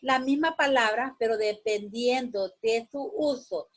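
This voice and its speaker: A woman teaching a grammar class at a slow, deliberate pace. Her voice is fairly high and a little husky. She repeats words and keeps checking that her students are following. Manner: slow, explanatory, repeats words and asks "¿verdad?".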